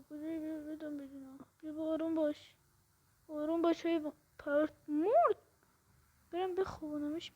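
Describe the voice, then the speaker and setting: A woman giving casual commentary on a horror game, jumpy and panicky, often repeating questions to herself. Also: high-pitched. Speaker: gameplay video host. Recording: muffled lo-fi recording.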